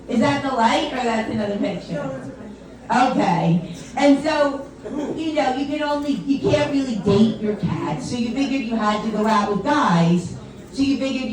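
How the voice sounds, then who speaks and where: Speaking a little high and far from the mic, this tri-state comedian has a voice older than her age. She chats with and teases the crowd, often at her own expense, in an echoey club where the audience laughs and chats.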